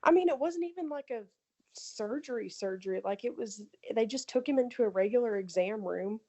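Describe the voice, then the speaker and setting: A woman's voice: a little high, fairly quick. A young adult woman co-hosting a podcast, telling crude stories in casual chat with lots of "like" and laughter. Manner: crude, animated storytelling with many likes. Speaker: podcast co-host.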